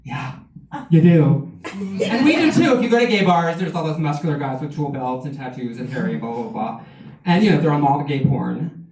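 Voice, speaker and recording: A man's voice: a little high, expressive, a little fast, a loud crowd. A man doing a stand-up comedy set at a benefit show, making self-deprecating, confessional jokes, secretly recorded from the audience. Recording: distant echoey bootleg with loud noise.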